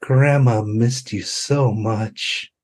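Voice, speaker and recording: A man's voice: on the low side, fairly even intonation, extremely slow, darkish tone. A man voicing a gleefully sinister, century-old monstrous grandmother in a tabletop horror game, coaxing and menacing.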